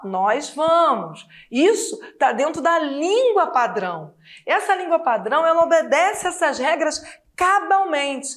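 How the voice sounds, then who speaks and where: A high-pitched woman with a Brazilian Portuguese accent teaches Portuguese. Her exam-prep lesson is lively and chatty, packed with rhetorical questions.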